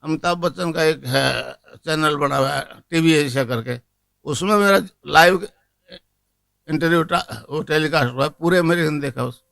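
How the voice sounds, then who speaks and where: A man's voice: fairly high pitch, normal speed, vocal fry, a bit bright. An older man from India, a guru giving a spiritual discourse who tells stories and leads a mantra chant. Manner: storytelling, then leading a mantra chant.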